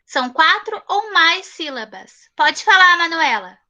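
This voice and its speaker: A high, very bright woman with a Brazilian Portuguese accent leads an online class for young children. She speaks patiently, repeats each child's answer slowly and gives praise, heard through a computer mic on a video call. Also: very animated, highs cut off. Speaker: primary school teacher.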